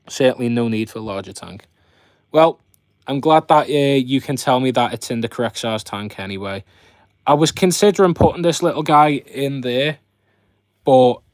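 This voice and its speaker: A man's voice: mid-range voice, moderate pace, pauses often, no echo. Chatty man, close dry sound. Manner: rambling, chatty commentary with viewers addressed directly. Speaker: host of a fishkeeping live stream. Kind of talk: casual live chat, showing his fish tanks.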